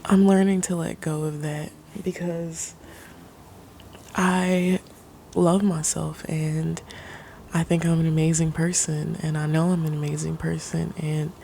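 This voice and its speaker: Woman, soft ASMR pep talk, near-whisper, mellow and even-pitched, halting delivery, faint noise behind. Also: creaky. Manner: halting, pausing mid-sentence. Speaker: ASMR creator. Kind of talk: soft-spoken ASMR, reflective personal talk.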